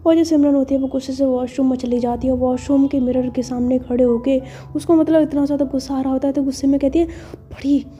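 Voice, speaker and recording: A woman's voice: high voice, fairly even intonation, fast talker, hardly any pauses, warm tone, faint music behind. A woman telling a romance story in a chatty, casual way, full of fillers.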